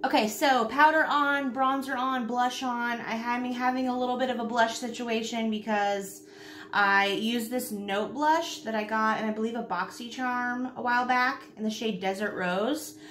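A woman's voice: fairly high pitch, steady tone, moderate pace, fairly bright tone. A woman in her thirties chatting casually through a makeup tutorial as a beauty vlogger, repeating herself for emphasis. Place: small indoor room at home, seen on camera. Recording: roomy home recording with faint noise.

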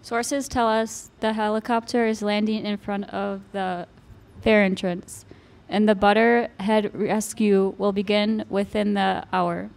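A woman's voice: mid-range voice, flat delivery, measured pace, vocal fry, darkish tone. A young woman anchoring a mock newscast, reading steadily at a news desk. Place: fair news desk set. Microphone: desk mic.

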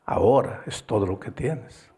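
A middle-aged male pastor preaching a sermon with emphatic, repetitive phrasing that swings between low, quiet lines and high, urgent peaks. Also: expressive, measured pace, slightly rough. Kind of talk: evangelistic sermon.

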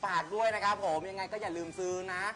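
Man, high-pitched, bright forceful voice, playful live presenter, exclamatory banter. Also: fairly even intonation, fast talker, faint music behind. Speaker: live show host.

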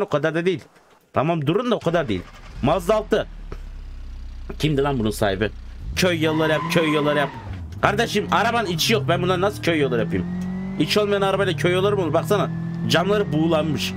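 A young man giving casual gameplay commentary as a YouTuber, swinging between loud excited outbursts and low muttering. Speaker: gaming YouTuber. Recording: clear background noise. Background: game car sounds.

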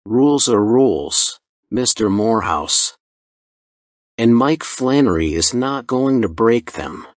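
A stubborn express agent who sticks firmly to his rules, voiced by a male narrator. He speaks slowly and flatly in a dry, close sound, close to the narrator's own voice. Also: medium pitch, dry recording. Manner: firm and stubborn.

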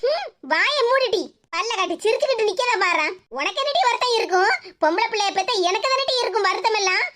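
A woman with a Tirunelveli Tamil accent voicing a quarrelsome middle-aged mother in a cartoon, who scolds loudly. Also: extremely high pitch, lively intonation, quick pace, heavy background noise. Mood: scolding. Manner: loud, scolding.

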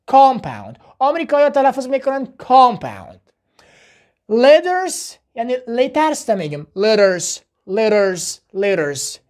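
A woman with an Afghan Dari accent teaching a spoken language lesson, slowly repeating words for drill and asking and answering her own questions. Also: fairly high pitch, darkish tone. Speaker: English teacher.

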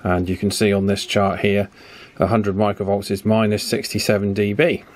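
Working at an indoor bench, a man walks through radio alignment in an informal electronics tutorial, musing aloud as he goes. He speaks in a lowish, level tone at a moderate pace, and the workbench background noise is clear.

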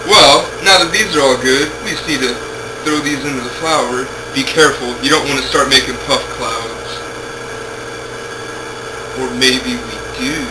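A young man with a medium-pitched voice at normal speed hosts a casual home cooking demonstration in his kitchen. He jokes offhandedly while he works. The camera's own mic, a few feet away, captures noisy home-video audio.

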